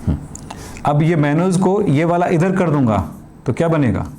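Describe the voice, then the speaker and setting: A man's voice: on the high side, sing-song, normal speed, dark tone, a little hiss or hum. A middle-aged man teaching a chemistry lesson in a chatty way, asking and answering his own questions and using everyday examples. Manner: colloquial, calls students beta, jokes. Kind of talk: chatty classroom lecture.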